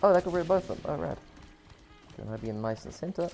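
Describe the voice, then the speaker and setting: A man's voice: a little high, animated, fast, gravelly, a little mellow, soft background music. Rambling joking New man. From New Zealand. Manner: rambling, joking, self-correcting. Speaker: game streamer. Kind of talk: casual live gameplay stream.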